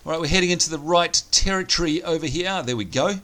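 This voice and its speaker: Talking fast in a pushed, bright voice that sits a little high, a let's play host keeps his gameplay commentary upbeat and chatty, reasoning aloud as he goes. His voice is strained and close to lost. Game sounds, music and a slight hiss or hum are in the background.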